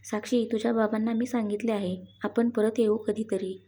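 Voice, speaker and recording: A woman's voice: a little high, little pitch movement, normal speed, warm tone, breathy edge. A woman voicing a young husband who talks firmly and teases his wife. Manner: firm, then playful. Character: young husband, brisk and teasing.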